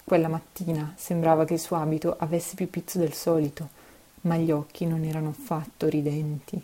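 Woman, storybook narrator, low voice, mellow tone, steady expressive reading. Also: a little fast.

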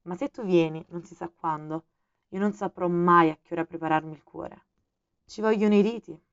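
Una donna che legge la parte di una volpe femmina gentile e saggia, paziente e un po' malinconica, con tono serio e persuasivo, in un audiolibro. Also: female voice, on the low side, moderate pace, clean tone, no room sound, dull audio, natural voice. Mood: patient. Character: gentle wise female fox, patient and a bit melancholy.

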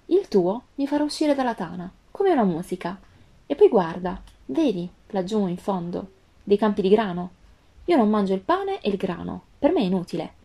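A woman voicing a gentle, wise female fox with a calm, earnest tone in a storybook reading. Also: medium pitch.

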